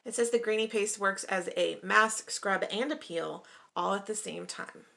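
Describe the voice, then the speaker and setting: Upbeat young female vlogger, bright voice, relaxed unboxing chat. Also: medium pitch, normal speed, gravelly. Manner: chatty, upbeat, often says she is excited.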